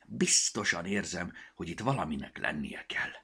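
A man's voice: sits low, lively intonation, creaky, pushed and bright, slightly rough, full character voice. A man voicing a fussy, busy little male elf who chatters and grumbles to himself. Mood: fretful.

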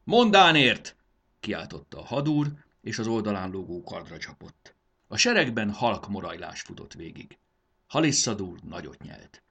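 Male storybook narrator, low and lively, bright tone. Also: vocal fry, breathy edge. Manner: expressive reading, does character voices.

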